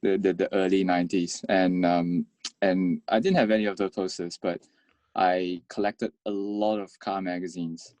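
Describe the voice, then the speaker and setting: Guest: man from Malaysia, deep voice, dry close sound, halting casual talk. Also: fairly even intonation, a little mellow, no room sound. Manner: halting, repeats words while talking. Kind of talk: casual interview conversation.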